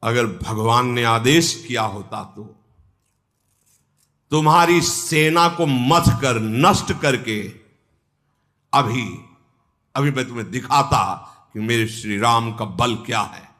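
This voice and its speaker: Man putting on a bold monkey warrior, scolding hard, slow-paced. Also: fairly high pitch, expressive, a bit bright. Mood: stern rebuke. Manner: rebuking, fervent. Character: bold loyal male monkey warrior envoy.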